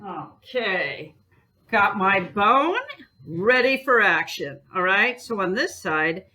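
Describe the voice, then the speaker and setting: Speaking slowly but with animation, a woman with a sharp-toned, medium-pitched voice demonstrates bookbinding to her class. As an art teacher, she's chatty and encouraging, walking students through each step and humming and singing while working.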